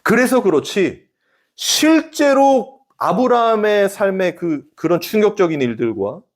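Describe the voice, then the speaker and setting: Male pastor, 40s, sermon delivery: lively swooping pitch, direct questions to the congregation, emphatic bursts and soft drops. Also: measured pace. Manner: animated preaching, rising emphatic peaks, drops to hushed asides.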